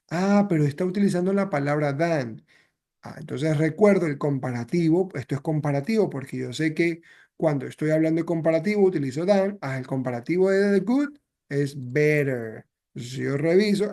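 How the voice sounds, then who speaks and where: A man's voice: a little high, gravelly, dark tone. A male English teacher explaining grammar patiently to a class, switching between Spanish and English.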